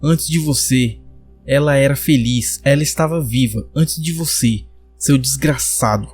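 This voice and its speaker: A man's voice: medium pitch, measured pace, darkish tone, natural voice. A man voicing a bitter, cruel middle-aged father who speaks with scorn, faint music behind. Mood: contemptuous. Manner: scornful, sneering.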